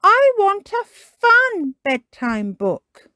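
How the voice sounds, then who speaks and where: A woman voicing an excitable, bossy little girl pig for a children's storybook. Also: very high-pitched, drawn-out words, dry recording, clean studio sound, pitched above the performer's own voice, exaggerated voice. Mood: insistent. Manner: exclamatory, eager.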